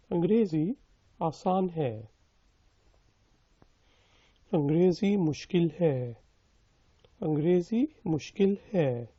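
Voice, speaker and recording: A man's voice: fairly high pitch, warm tone, husky, no echo, muffled recording. A man teaching a language lesson, repeating each sentence several times and splitting it word by word before explaining its meaning. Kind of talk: slow, repetitive phrase drilling with explanations.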